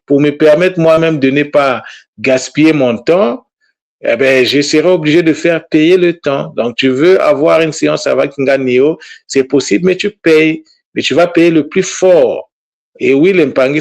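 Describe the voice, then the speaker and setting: A man gives an informal teaching talk to his followers in an earnest, urging tone. He hesitates often, with fillers and repeated words, and refers to himself in the third person. His voice sits at an ordinary middle pitch. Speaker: Kikongo language teacher.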